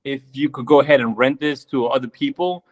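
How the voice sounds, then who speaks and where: A man's voice: mid-range voice, steady tone, fairly quick. A man from Chile asking a question on a video call, laid-back and rambling, with lots of fillers. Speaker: caller.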